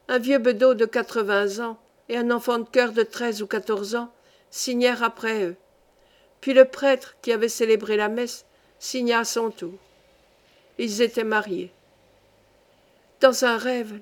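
A woman reading a classic novel aloud as an audiobook, in a steady, measured manner. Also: fairly high pitch. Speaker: audiobook reader. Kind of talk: literary audiobook narration.

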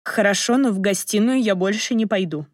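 A naive young woman, hurt and tearful, speaking quietly, as a woman audiobook narrator puts her on. The read is close and dry, at an even middle pitch. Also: brisk, dry recording, close to an everyday voice.

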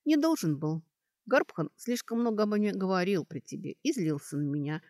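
A woman reading an audiobook, voicing a sharp-witted young girl student who talks in a brisk, mocking way as she reasons things out. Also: mid-range voice, lively intonation, dry recording, studio quality, lightly acted. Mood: reasoning.

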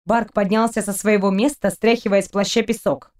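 A woman reading a science fiction novel aloud in an even storytelling manner. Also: medium pitch, normal speed. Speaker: audiobook narrator. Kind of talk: scripted narration.

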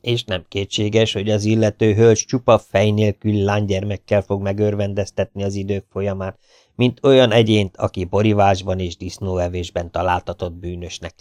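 A man's voice: lowish voice, little pitch movement, darkish tone, no echo, studio quality, close to an everyday voice. A man voicing a fat, bearded fool who plays a mock prophet in a pompous, mock-solemn manner.

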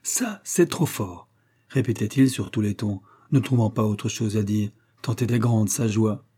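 Man, audiobook narrator, husky voice, mellow dark tone, steady measured reading. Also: on the low side.

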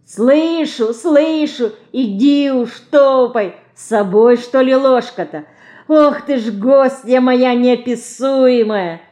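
A woman's voice: high-pitched, takes it slowly, dark tone, voice pushed up. A woman reading an audiobook, voicing a grown-up housekeeper who calls out and grumbles fondly. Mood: fondly scolding.

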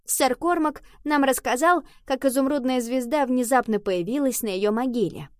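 A woman's voice: sits high, normal speed, no echo, clean studio sound, pitched above the performer's own voice, close to an everyday voice. Woman voicing an eager schoolgirl. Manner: eager, lively storytelling. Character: eager schoolgirl telling a tale.

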